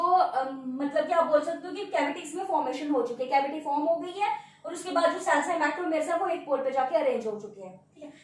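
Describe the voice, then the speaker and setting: A woman biology teacher with a very high voice, lecturing and checking in with her students again and again. She is heard from a distance, in a strongly echoing room. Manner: repeats key terms as questions and answers them; checks in often with tag words. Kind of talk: classroom lecture at a board. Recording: very echoey room, voice off-mic.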